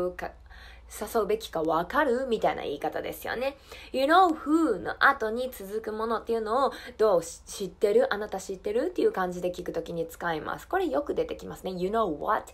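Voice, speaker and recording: A woman teaching an English lesson, saying model phrases slowly and carefully, then explaining quickly and repeating drill lines for learners to copy. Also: mid-range voice. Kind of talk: language lesson.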